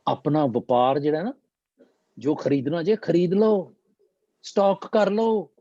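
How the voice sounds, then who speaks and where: A man teaching scripture, speaking very slowly and deliberately with English phrases worked in. His voice is warm and mellow and sits a little high. The recording is dry and slightly muffled. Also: fairly even intonation, no echo. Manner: slow, deliberate, mixing English phrases into explanation. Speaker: Gurbani teacher. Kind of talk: scripture explanation talk.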